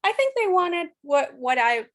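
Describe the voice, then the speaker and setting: A woman from Chile in her thirties is a podcast guest, her very high voice slightly bright, very animated, and unhurried. Throughout the relaxed interview she speaks frankly and at length, often starting over with "you know".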